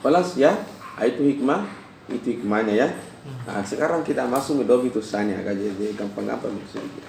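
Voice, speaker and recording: A man's voice: a little fast, gravelly, darkish tone. A man teaching Arabic grammar to a class in Indonesian, telling stories between points and often checking that students follow. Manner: digressive storyteller, drops his voice low, frequent checks "jelas?". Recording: roomy class recording from far off with faint noise.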